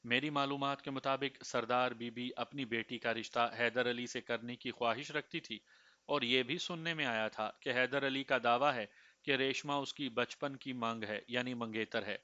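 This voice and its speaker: A man reading a crime story aloud in steady first-person narration, giving each character a voice. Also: medium pitch, no room sound. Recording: dry, slightly dull recording.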